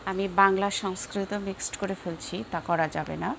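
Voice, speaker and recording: A young Bangladeshi woman teaching a lesson, speaking slowly and carefully and repeating each word for her students. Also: mid-range voice, fairly even intonation, vocal fry, fairly bright tone, a little hiss or hum. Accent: Bangladeshi Bengali. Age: young adult. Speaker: Sanskrit teacher. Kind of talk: classroom lesson, slow repetition drills.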